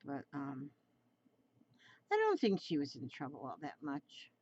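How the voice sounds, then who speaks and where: A woman's voice: deep voice, huge pitch swings, unhurried, darkish tone, muffled recording. A woman in her seventies chatting through a drawing tutorial, rambling and coaxing, often repeating her phrases. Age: 70s.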